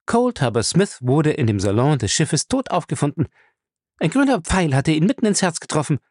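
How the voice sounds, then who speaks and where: A man reading a novel aloud, voicing a firm, quick-witted young woman in a raised voice. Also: deep voice, big pitch swings, darkish tone, no room sound, clean studio sound, voice pushed up. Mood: sharp, firm.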